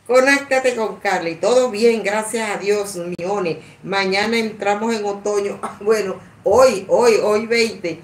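Lady doing a slow chatty livestream, sweet pet names for everyone, echoey room. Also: medium pitch, recorded from a distance. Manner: affectionate, chatty, laughs often, many restarts. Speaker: livestream host greeting viewers. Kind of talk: casual livestream chat. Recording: echoey room with faint background noise.

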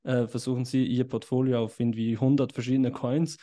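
A man's voice: mid-range voice, little pitch movement, a little fast, dark tone. A man hosting a podcast, talking casually with many fillers and English words mixed in. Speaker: podcast host.

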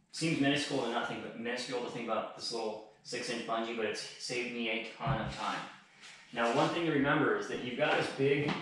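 A man in his thirties gives a casual how-to while he works, at an ordinary middle pitch. He talks in a relaxed way and often doubles up his words. He is recorded by a camera across a small bare room with strong echo, and the camera is sometimes held close. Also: background noise. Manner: relaxed, repeats words as he goes. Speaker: outdoor gear channel host. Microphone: camera on a stand across the room, later held close.

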